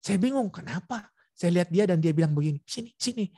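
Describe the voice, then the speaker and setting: A man's voice: high voice, fast talker, dry recording. A male preacher tells a personal story at an online prayer meeting, acting out the back-and-forth between people. He often speaks straight to his listeners. His voice sounds close and dry, with no room sound. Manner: lively storytelling, acting out dialogue; addresses listeners directly. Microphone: video call.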